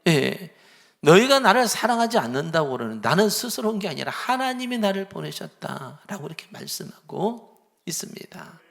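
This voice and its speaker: A man's voice: high-pitched, very animated, moderate pace, gravelly, a bit bright. A man preaching a sermon as pastor, asking the congregation questions and acting out pleading voices. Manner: acts out pleading and scolding voices within the sermon.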